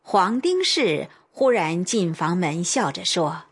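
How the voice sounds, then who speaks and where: A woman narrating a radio drama in a measured, expressive way. Her husky voice moves through lively pitch, and she reads slowly. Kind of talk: scripted storytelling narration.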